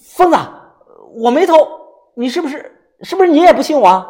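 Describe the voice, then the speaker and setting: Man doing a shrill, excitable young man. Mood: shouting. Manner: shrill, indignant, quick to shout. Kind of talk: audiobook character voice.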